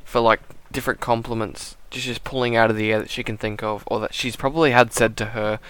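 A man's voice: medium pitch, fairly even intonation, fast, a bit bright, clean tone, no echo. A young man co-hosting a casual chat, laughing often and reading lines aloud to comment on them. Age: young adult. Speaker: co-host.

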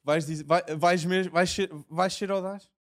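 A man co-hosting a casual sports podcast, talking lively and laughing often. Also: sits high, moderate pace. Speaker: podcast co-host.

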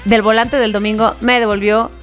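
A woman with a Mexican accent hosting a casual chat, colloquial and quick with short agreeing replies. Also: fairly high pitch, little pitch movement, soft background music. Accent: Mexican Spanish. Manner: chatty and colloquial, backs up the others with short replies.

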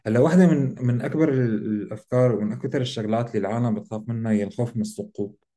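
Fast-talking man with a Levantine Arabic accent. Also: medium pitch, warm tone. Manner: checks in often with short tag questions. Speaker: co-host of a discussion show. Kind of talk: casual explanatory discussion.

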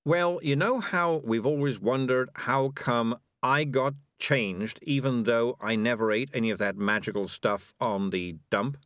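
A man voicing a talking tomcat who is defensive and full of guilt, pleading loudly in a dry, close recording. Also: medium pitch, dry recording, voice pushed up, natural voice. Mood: uneasy. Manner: loud, pleading, drawn-out confession.

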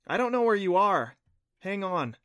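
A man doing a fiery preteen girl. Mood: startled. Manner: high, excitable, quick to anger. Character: spirited preteen girl, bold and touchy.

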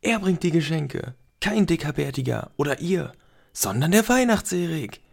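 A man voicing an excitable, stubborn little boy who exclaims eagerly. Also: medium pitch, moderate pace, gravelly, slightly rough. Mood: indignant.

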